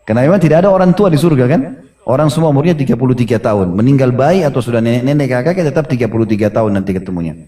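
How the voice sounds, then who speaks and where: A man preaching a sermon, retelling hadith stories in a lively way, acting out the voices and often saying "ya". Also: mid-range voice, very fast, far from the mic. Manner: lively storyteller acting out quoted voices, frequent "ya" fillers.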